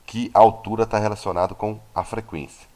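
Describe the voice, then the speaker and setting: Deep-voiced Brazilian physics teacher. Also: male voice, steady tone, brisk, darkish tone. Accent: Brazilian Portuguese. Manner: explanatory, many tag questions. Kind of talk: recorded classroom lesson.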